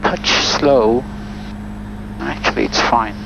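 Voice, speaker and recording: A man's voice: medium pitch, takes it slowly. A man piloting a small plane, talking himself through each step and making radio calls. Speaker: student pilot flying solo. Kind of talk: cockpit self-narration with radio calls. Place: small plane cockpit in flight. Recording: dull cockpit audio, clear engine noise.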